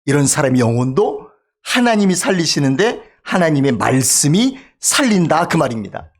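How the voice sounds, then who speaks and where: A man's voice: on the high side, big pitch swings, normal speed. A male pastor delivering a sermon in a church, emphatic and calling out for amens from the congregation. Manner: emphatic, calls for amen from congregation. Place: church sanctuary.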